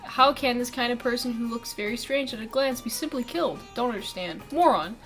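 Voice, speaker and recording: A woman's voice: a little high, a little fast, a bit bright, faint music behind. Woman reading game text with laughs. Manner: reads dialogue aloud, laughing and swearing between lines. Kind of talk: casual reading of a visual novel with commentary.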